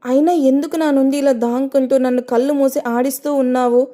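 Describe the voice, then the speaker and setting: A woman's voice: high-pitched, steady tone, a little fast, dark tone, pitched above the performer's own voice, natural voice. A woman voicing an anguished young man who pleads and accuses in a raised voice. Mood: pleading, heated.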